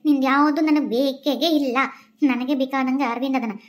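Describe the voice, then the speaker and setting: A woman's voice: high-pitched, fairly even intonation, moderate pace, lightly acted. A woman voicing a selfish young wife in a cartoon, cold and contemptuous, with a North Karnataka accent. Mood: scornful. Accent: North Karnataka Kannada. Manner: contemptuous, dismissive.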